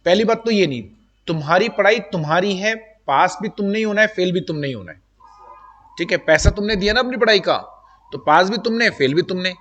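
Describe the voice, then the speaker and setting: A male teacher with a notably high voice, lecturing to a room of students. He talks to them directly and chattily, dropping English terms into his speech. The room rings with a long, lingering reverb. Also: expressive, a little fast, a bit bright, muffled recording, a little hiss or hum. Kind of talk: live classroom lecture. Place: classroom with students.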